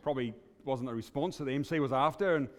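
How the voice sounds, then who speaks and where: A man's voice: medium pitch, quick pace. Man preaching with cathedral-like church echo. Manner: chatty, hesitant, many fillers. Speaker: guest preacher. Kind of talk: sermon with storytelling. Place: church at a Sunday service.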